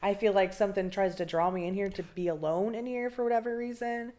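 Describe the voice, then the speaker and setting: A woman paranormal investigator chatting as an interview guest indoors, telling stories in an animated way with many fillers. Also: mid-range voice, quick pace. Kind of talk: casual storytelling interview. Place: indoor room of an old school building.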